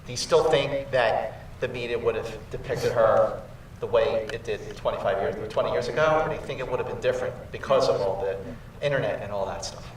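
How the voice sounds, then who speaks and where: A man moderating a live Q&A, briskly calling on audience members and asking questions. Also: mid-range voice, a little hiss or hum. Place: large cinema auditorium. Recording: very echoey theater heard from far off.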